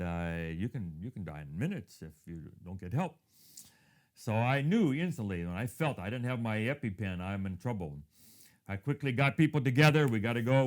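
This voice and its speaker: This voice belongs to a man in his fifties who was raised in Thailand. He gives a reflective devotional talk shaped around his own story, often softening to a near whisper, and speaks at a medium pitch.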